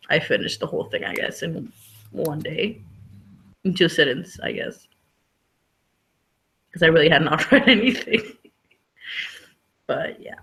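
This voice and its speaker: A woman with a lowish, bright voice and a forceful tone hosts a live online book discussion. She chats casually and rambles, saying "like" a lot.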